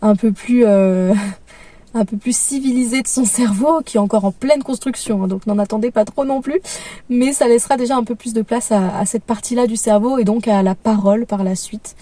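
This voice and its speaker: A young mother talks through parenting advice in a calm, gentle voice, pausing often to find her words. Her voice is higher than most but mellow and soft. It sounds dry, with the mic set a little away from her. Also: no echo, distant mic. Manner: calm, gentle, many hesitations. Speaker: parenting vlogger. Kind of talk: casual advice talk.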